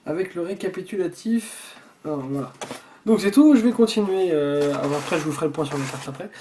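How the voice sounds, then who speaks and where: A man's voice: a little high, brisk, warm tone, slight background noise. A man chatting casually while unboxing a subscription box at home, rambling and swearing freely. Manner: rambling with frequent restarts.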